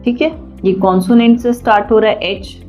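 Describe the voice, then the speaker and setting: A woman teaching a children's grammar lesson, patient and deliberate, often asking questions and answering them herself. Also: on the high side, steady tone, darkish tone. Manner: slow and deliberate. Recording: dull lo-fi sound, faint music.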